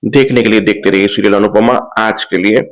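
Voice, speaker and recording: A man's voice: lowish voice, steady tone, brisk, low-quality recording. Casual man recapping a TV serial episode. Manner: retells the plot plainly, quoting characters.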